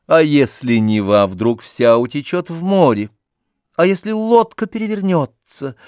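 A lively, teasing young woman from a storybook, as a male reader puts her on, raised high and swinging through a wide, animated range. She talks carelessly and mischievously, in a close, dry sound. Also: smooth, no echo. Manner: teasing, carefree, quick changes of subject.

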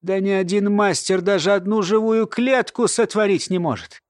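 A sardonic old woman explains and scoffs in a lecturing tone, read by a man. She sounds high and dry up close, with no room around her, in an audiobook. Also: normal speed, dry recording, natural voice. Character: sly, grumpy old woman, a lore-keeper. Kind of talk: audiobook character voice.

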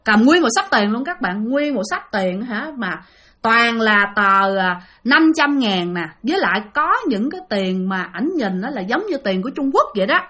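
A woman's voice: fairly high pitch, big pitch swings, normal speed, sharp tone. A woman with a Southern Vietnamese accent telling a ghost story chattily, often addressing her listeners.

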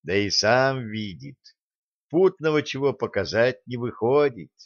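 A man voicing a gentle old monk elder who speaks slowly and softly to make peace. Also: mid-range voice, animated, no echo. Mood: soothing. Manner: soft, slow, soothing. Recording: dull lo-fi sound.

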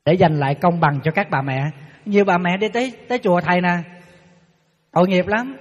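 Male monk, teasing and animated preacher, husky high voice, dull echoing hall recording. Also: fairly quick. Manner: lively storytelling, acts out quotes, teasing the audience. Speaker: Buddhist monk giving a dharma talk. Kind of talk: sermon. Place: large hall with an audience. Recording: lo-fi live hall recording with long reverb.

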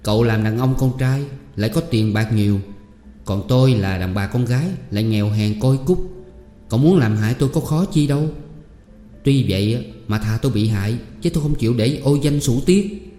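A man's voice: mid-range voice, fairly quick, mellow, soft background music, natural voice. A man voicing a proud poor young woman who answers firmly and with indignation. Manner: indignant, firm. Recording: echoey room with long reverb.

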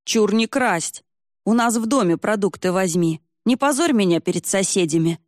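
A woman's voice: on the low side, unhurried, vocal fry, a little mellow, no echo, studio quality. A woman voicing a grumbling, weary older village man in an audiobook.

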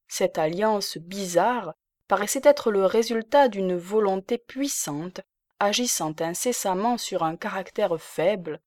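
Slow, measured woman narrator. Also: medium pitch, a little mellow, no room sound, studio quality. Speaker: audiobook narrator. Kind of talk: scripted literary narration.

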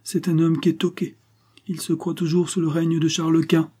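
A man's voice: a little high, little pitch movement, moderate pace, dark tone, husky, voice pushed up. A man reading a sly, cheerful and scheming male accomplice in an audiobook, with a mocking, easygoing manner.

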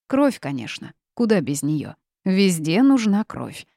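A woman's voice: on the low side, sing-song, measured pace, gravelly, warm tone, no echo, studio quality, exaggerated voice. A woman voicing an old, bitter, half-mad female witch who cackles and wails in an audiobook. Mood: scornful. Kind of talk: audiobook character reading.

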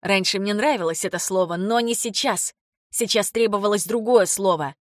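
A woman reading first-person audiobook narration in a steady, measured way. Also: mid-range voice, no room sound, studio quality. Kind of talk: scripted narration.

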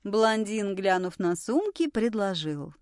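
A woman narrating an audiobook in an expressive, lively reading voice. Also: mid-range voice, slow, no echo, clean studio sound.

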